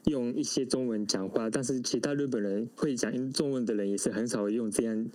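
A man's voice: mid-range voice, a little fast, a little mellow. A native Japanese man speaking with a Japanese accent, answering interview questions conversationally and searching for words. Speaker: interview guest.

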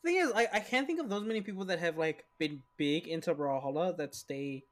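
A man's voice: fairly high pitch, expressive, a little fast, a bit bright. A young man in a casual group chat, rambling through stories.

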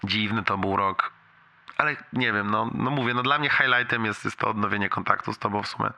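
A man's voice: fairly low pitch, fast talker, gravelly, sharp tone. A young adult man leaving a casual, confiding, slangy voicemail for a friend. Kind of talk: casual rambling personal voicemail.

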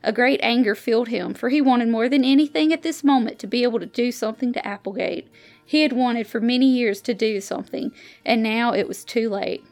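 A woman on the library staff reading a science fiction short story aloud, giving the characters lively voices in the dialogue. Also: a little high, fairly quick, faint music behind.

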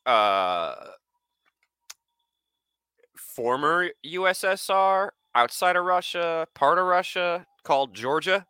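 A man chatting on a podcast in a bright, forceful voice. He rambles excitedly and laughs often. He sounds dry and close to the mic. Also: on the high side, slow, pauses often, clean tone, no echo. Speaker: podcast co-host. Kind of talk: casual chat.

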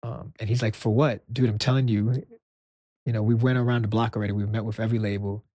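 A soft-spoken man from Brooklyn tells a long story in a sit-down interview. His voice sits a little low, and it is recorded close and dry with no room around it. He keeps acting out the other people's lines as he quotes them. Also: little pitch movement, fast, no echo. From Brooklyn, New York. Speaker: music executive guest.

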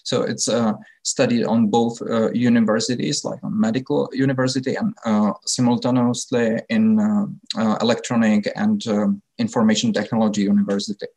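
A man's voice: lowish voice, flat delivery, moderate pace, few pauses, darkish tone. A thirty-year-old man with a Czech accent, a non-native speaker explaining things in an unscripted interview and often searching for words. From Czech Republic. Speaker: interview guest, technology innovator.

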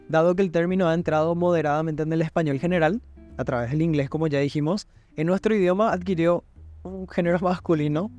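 Man explaining terms over soft guitar. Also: a little high. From Paraguay. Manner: explanatory, frequent tag questions. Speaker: podcast host. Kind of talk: educational podcast talk. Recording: faint guitar music behind.

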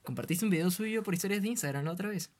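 A man narrating as the writer of an audio story, calm and teasingly amused. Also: high voice, very fast.

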